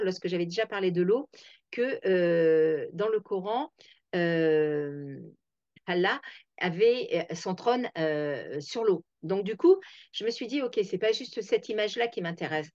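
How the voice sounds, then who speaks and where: A woman's voice: medium pitch, darkish tone, dry recording. A woman hosting a reflective talk, thinking aloud with many fillers and restarts. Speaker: host. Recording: dull, dry lo-fi sound.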